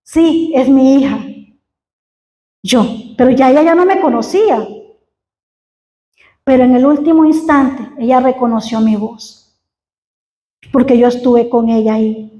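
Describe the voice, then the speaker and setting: Woman, middle-aged, high-pitched, earnest sermon testimony, halting restarts, echoey church hall. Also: dark tone. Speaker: preacher giving a testimony.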